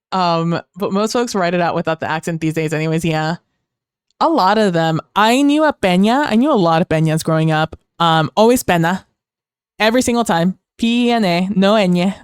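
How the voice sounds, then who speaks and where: Chatty young woman streamer, clear voice. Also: fairly low pitch, dry recording, studio quality. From Mexico. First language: Spanish. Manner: rambling, chatty, reading chat aloud. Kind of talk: casual livestream chat.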